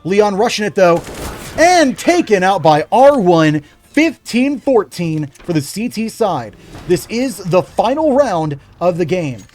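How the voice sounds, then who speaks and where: A man's voice: high voice, sing-song, takes it slowly, darkish tone, slight background noise. A young man calling a live video game match play by play, breaking off to chat with viewers. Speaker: game commentator and streamer.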